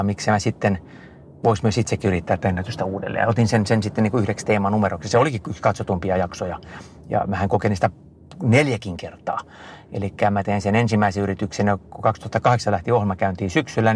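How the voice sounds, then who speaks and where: A man's voice: fairly low pitch, a little hiss or hum. A middle-aged man answering an interviewer in casual conversation, telling long rambling stories full of fillers and restarts. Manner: rambling, lively storytelling with many fillers and restarts. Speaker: interview guest, endurance skier.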